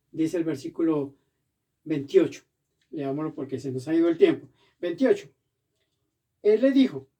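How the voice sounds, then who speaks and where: A man preaching a sermon as pastor in a church, animated and acting out the voices he quotes. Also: on the high side, distant mic.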